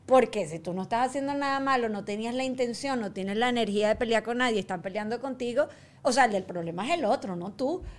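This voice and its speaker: A middle-aged woman chatting casually on a podcast, telling animated stories and acting out the people she quotes. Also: fairly high pitch, fast talker. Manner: animated storyteller, acts out quoted voices. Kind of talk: casual chat.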